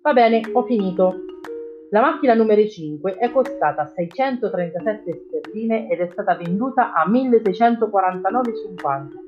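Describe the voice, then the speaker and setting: A woman's voice: mid-range voice, expressive, normal speed, highs cut off, over music, natural voice. A woman reading an audiobook, voicing an eager, obedient young boy.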